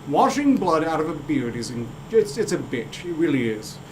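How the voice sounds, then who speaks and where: A man's voice: fairly high pitch, big pitch swings, moderate pace, a little hiss or hum. A man chatting in character in fantasy improv, blunt, swaggering and crude.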